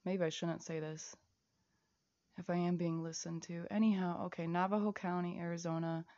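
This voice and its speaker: A woman's voice: lowish voice, level tone, normal speed, dark tone, no echo, lo-fi sound. A woman recording a rambling casual audio diary, reading out lists of places and prices, sometimes half-whispering.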